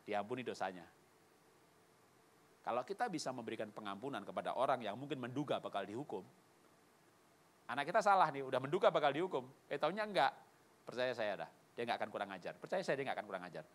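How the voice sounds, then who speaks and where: A man's voice: mid-range voice, sing-song, fast, long pauses. A male pastor giving a conversational sermon. He laughs often, acts out quotes, and ends in a spoken prayer.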